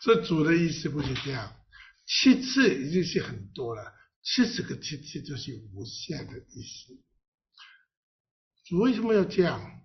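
A man's voice: on the high side, very animated, moderate pace, a little hiss or hum. A man pastor preaching a sermon in a playful way, full of rhetorical questions and reading scripture aloud. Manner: reads scripture aloud with the congregation. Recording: dull lo-fi recording.

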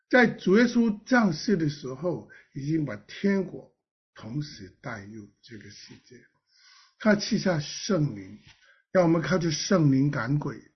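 Husky pastor guy giving a sermon, earnest, rises up then goes soft, kinda dull lo-fi sound. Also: fairly high pitch. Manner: earnest preaching with sudden emphatic rises and soft drops.

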